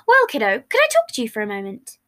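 Woman doing a soft sad dad type guy, plaintive, pretty high voice. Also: huge pitch swings, fast, heavily acted. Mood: gentle. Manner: soft, plaintive, tearful pleading. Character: gentle fatherly young man, soft and hurt. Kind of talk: fan fiction read aloud.

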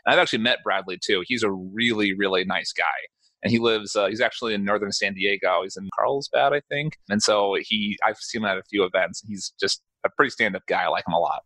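A man hosting a podcast in casual chat, lively and quick to act out his reactions. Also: fairly low pitch, no room sound. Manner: animated, acts out quoted reactions. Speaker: podcast host.

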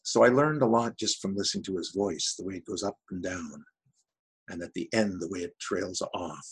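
A man's voice: sits low, normal speed, slight background noise. A retired man in his sixties from Canada, chatting in an interview about his voice-over work in a rambling, self-deprecating way. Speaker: voice-over artist guest. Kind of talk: casual interview chat.

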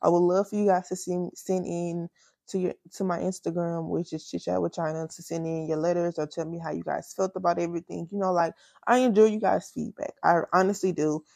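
A woman in her twenties hosting her podcast, talking candidly and emotionally in casual slang, close to tears and pausing often. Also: on the low side, fairly even intonation, vocal fry, darkish tone, dry recording. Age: 20s. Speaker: podcast host. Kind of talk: personal casual chat.

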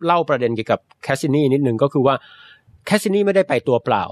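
This young Thai man co-hosts a podcast, chatting casually as he explains science news and adding polite particles. His medium-pitched voice is expressive, fairly quick, and darkish in tone.

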